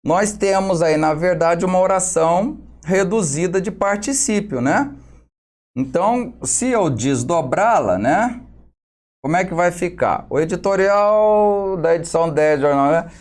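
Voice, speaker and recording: A man's voice: high-pitched, lively intonation, unhurried, a little mellow. A male teacher with a Brazilian Portuguese accent working through exam questions for students, explaining step by step and ending nearly every phrase with a tag question.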